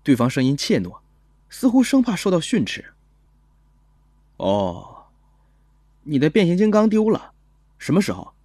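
Cast a calm young policeman narrating an audio drama, with a lively but husky voice and faint music behind. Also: a little high, no room sound, clean studio sound, heavily acted. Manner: measured, gentle storytelling. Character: young male police officer, calm and gentle. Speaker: first-person narrator.

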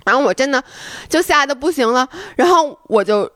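A woman's voice: sits high, brisk, no echo, clean studio sound. A woman hosting a podcast, telling a story in casual chat and acting it out with sudden shrieks and laughter. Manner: animated, breaks into shrieks and laughter when reenacting. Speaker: podcast host.

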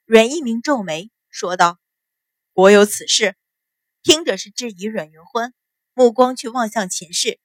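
A woman narrating a period novel aloud in an even storytelling manner. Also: fairly high pitch, moderate pace, no room sound.

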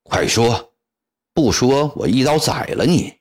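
A man's voice: medium pitch, animated, measured pace. A man voicing a fierce young male rebel warrior who barks harsh threats in a storybook reading. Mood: menacing.

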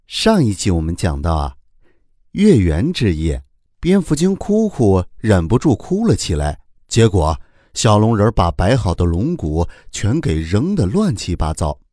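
Male children's storyteller, very animated delivery, low-set voice, dry close-miked narration. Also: dry recording. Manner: animated, warm storytelling, many drawn-out particles.

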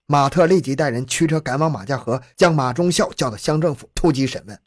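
A man narrates a true-crime story in a steady, measured storytelling voice. His tone is husky and his pitch sits in a middle range. The recording is dry and close to the mic. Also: dry recording.

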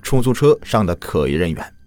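A man's voice: deep voice, big pitch swings, fairly quick, darkish tone. A man narrating true crime from a script as a host, in a dramatic storytelling manner. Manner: dramatic storyteller with rhetorical questions.

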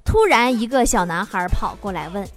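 A woman's voice: mid-range voice, big pitch swings, normal speed, soft background music. A woman hosting a comic storytelling show, teasing her listeners and laughing at her own jokes. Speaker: host.

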